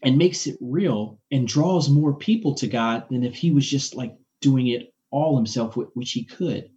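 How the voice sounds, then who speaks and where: A man's voice: mid-range voice, measured pace, mellow, lo-fi sound. Enthusiastic preacherly man in his forties. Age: 40s. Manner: enthusiastic, preacherly, repeats words as he builds a point. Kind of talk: casual faith conversation.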